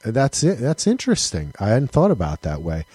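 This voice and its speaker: Man, husky, lively pitch, animated, swearing, podcast co-host, casual chat, dry close sound. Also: quick pace, no echo. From United States. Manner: animated, swearing, laughing, restarts.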